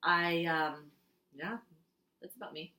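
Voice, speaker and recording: A young Swiss woman, whose first language is Swiss German, speaks English in a casual audition tape as a contestant. Her bright voice is fairly low for a woman, and she jokes, giggles and fills gaps with "um" in an echoey small room at home.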